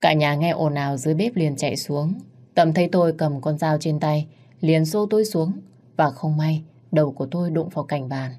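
A woman's voice: low voice, normal speed, mellow. A woman narrating a dramatic family story in the first person.

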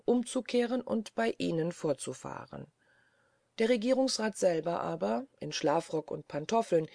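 A woman reading a classic story aloud as scripted narration, in a measured storytelling manner. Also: fairly low pitch, creaky, dark tone, no room sound. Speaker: audiobook reader.

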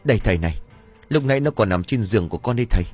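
A man voicing a panicky, cowardly young village husband who shouts and pleads in a high voice. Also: animated, brisk, faint music behind. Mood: pleading. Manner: shrill, frantic yelling.

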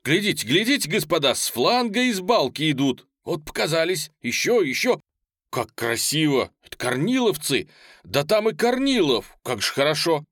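A man voicing an excitable officer who exclaims over the battle he watches. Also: mid-range voice, moderate pace, no echo, clean studio sound, natural voice. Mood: elated. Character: excitable middle-aged officer watching through binoculars.

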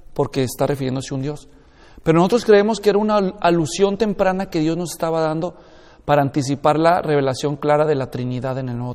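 Male Bible teacher, explanatory lecture, keeps checking understanding; slightly high voice. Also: a little mellow, in a large hall.

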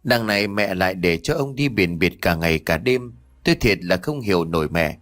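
A grown, rowdy son in an audio story, played by a male narrator. He grumbles, puzzled and resentful, in a lively, everyday voice. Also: deep voice, normal speed, pitched below the performer's own voice. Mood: complaining. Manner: complaining.

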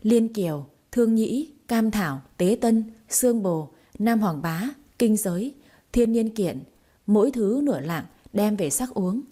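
A woman's voice: medium pitch, expressive, unhurried, dark tone. A woman voicing a boastful, cheeky young female fortune-teller in a storybook reading, with brash, chattering speech. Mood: instructive. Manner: brash, chattering, self-mocking.

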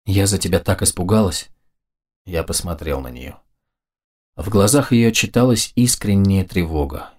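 Deep-voiced male audiobook narrator. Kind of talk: first-person fantasy audiobook narration.

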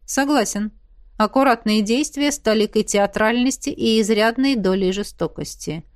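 Calm, cold male ice mage for a storybook, measured and dry, read by a woman. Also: on the high side, no echo, close to an everyday voice.

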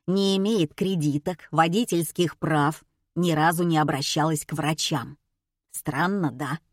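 A woman voicing a brisk male investigator who gives orders and lays out facts, in an audiobook. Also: sits low, dry recording, clean studio sound. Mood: matter-of-fact. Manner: commanding, matter-of-fact. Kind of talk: audiobook character voice.

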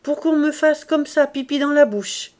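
A woman's voice: sits high, normal speed, a little mellow, pitched above the performer's own voice, lightly acted. A woman putting on a crude joking working man. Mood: leering. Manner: leering, murmured joke.

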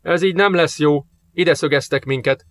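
A man's voice: fairly high pitch, no echo, natural voice. Tense police captain, read by a male narrator, curt, slightly raised, dry close storybook read.

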